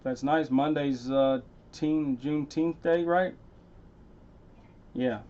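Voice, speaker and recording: A man's voice: fairly high pitch, takes it slowly, lo-fi sound. Chatty man hunting coins on a livestream. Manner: chatty, gets loudly excited over finds; talks straight to chat viewers by name. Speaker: coin-hunting livestream host. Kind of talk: casual livestream chat.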